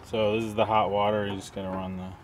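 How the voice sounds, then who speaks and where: Outdoors in sunny woods beside a vehicle, a middle-aged man in an easygoing manner explains a product setup step by step as he handles the gear. He's a camping vlogger with a lowish voice, little pitch movement, and a fast pace. The background is noisy.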